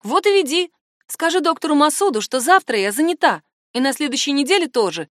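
A woman voicing a stubborn, sharp-tongued older woman who talks back defiantly in a raised voice. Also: high-pitched, animated, a little fast, dry recording, studio quality, voice pushed up.

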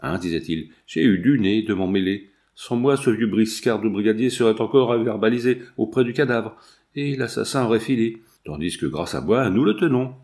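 A man's voice: a little mellow, natural voice. A man voicing a smug, boastful painter who brags about his own importance. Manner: boastful, slow and low.

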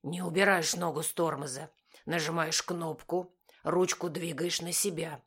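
A woman voicing a calm middle-aged man who gives patient, then firm, driving instructions. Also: low voice, unhurried, slightly rough, full character voice. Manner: steady, instructive, commanding.

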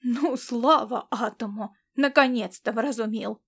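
A woman voicing a tall, picky male spy and gourmet who loudly protests and scolds. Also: high voice, normal speed, close to an everyday voice. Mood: indignant. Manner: indignant, loud outbursts.

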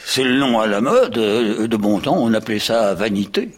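A grumpy old wasp, husky. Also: male voice, fairly low pitch, lively intonation, moderate pace. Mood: lecturing. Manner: grumbling, stammering, peevish. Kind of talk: radio drama acting.

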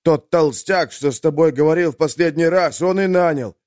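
A man's voice: moderate pace, a little mellow, no echo, clean studio sound, natural voice. A man voicing a terrified, beaten male jailer who shrilly begs for mercy. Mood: pleading. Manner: shrill, begging, panicked.

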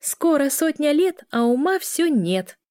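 A woman voicing a cheeky, quick-tempered teenage girl who answers back indignantly. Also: expressive, a little mellow, no echo, studio quality, close to an everyday voice. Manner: shrill, indignant teasing.

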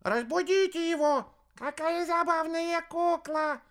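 A man voicing a gang of tiny, excited otter-like creature children who chatter in squeaks. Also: slow pace, full character voice.

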